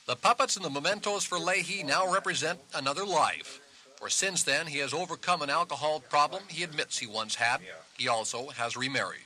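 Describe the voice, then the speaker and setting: A man narrating a television feature as a field reporter, measured and wry. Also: a little high, pushed and bright, rough recording. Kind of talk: scripted narration.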